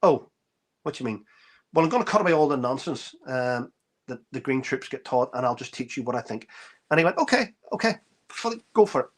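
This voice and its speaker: A middle-aged army veteran telling an anecdote in casual talk, acting out the dialogue, with many restarts. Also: male voice, medium pitch, brisk. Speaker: author and army veteran guest. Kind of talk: casual spoken storytelling.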